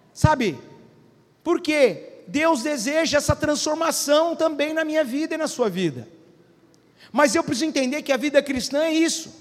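A man with a very high-pitched voice preaches a sermon to his congregation. He keeps throwing questions back at the listeners and waits for their replies. His voice rings with the long reverb of a church hall. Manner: preaching with frequent call-and-response questions to the congregation. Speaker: pastor.

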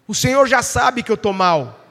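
A man preaches with a high, ringing voice, pressing his points and throwing questions out to the congregation. His words carry a long reverb, as if spoken in a large hall. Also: very animated, moderate pace, sharp tone. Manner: emphatic, asks the congregation questions. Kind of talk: sermon.

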